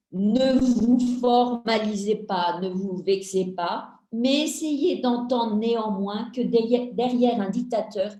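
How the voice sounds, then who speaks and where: Slow, mellow-voiced woman lecturing. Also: on the high side. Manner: slow, measured, acts out family dialogue examples. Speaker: lecturer on family communication. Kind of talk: video-call talk. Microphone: video call. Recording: echoey room over a video call.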